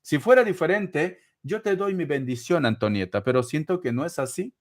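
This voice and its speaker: A man with a fairly high voice runs a live-stream tarot reading. He talks in a chatty, teasing way and calls everyone sweetheart and darling. The sound is a plain streaming mic. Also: expressive, moderate pace. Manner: constant endearments, chatty and teasing, laughs often. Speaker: tarot reader answering paid chat questions.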